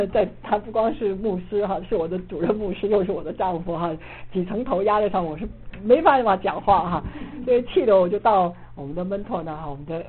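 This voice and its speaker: A middle-aged woman preaches as an assistant pastor, telling a story from her own life. She talks in an animated way and keeps dropping small filler particles. The recording sounds narrow and phone-like, with a faint hiss underneath. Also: on the low side. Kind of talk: sermon with personal story. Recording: muffled phone-like audio with faint noise.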